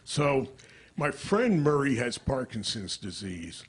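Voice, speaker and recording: Husky older man doing deadpan stand-up. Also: mid-range voice. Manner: dry, deadpan delivery with quick shifts into character voices. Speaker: stand-up comedian. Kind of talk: stand-up comedy.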